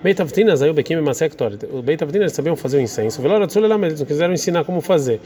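Man, somewhat high voice, text-study teacher who reads Hebrew aloud and translates as he goes. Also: animated, racing, mellow. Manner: reads Hebrew phrases then explains in Portuguese, hesitant. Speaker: Talmud teacher.

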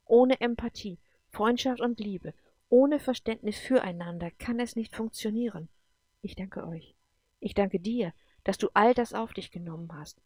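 A woman's voice: mid-range voice, measured pace, darkish tone, no echo, close to an everyday voice. Iliades, a woman voicing a serene guardian spirit. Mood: gentle solemn.

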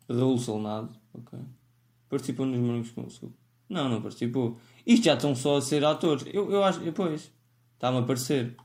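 A man's voice: mid-range voice, a little mellow. A man with a European Portuguese accent hosting a solo podcast, talking in a rambling, self-mocking way with frequent restarts. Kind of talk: rambling casual monologue.

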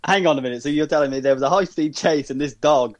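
Male co-host, high-pitched, playful and teasing, casual podcast chat. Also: fast talker, dry recording. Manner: jokey, teasing, prone to fits of laughter.

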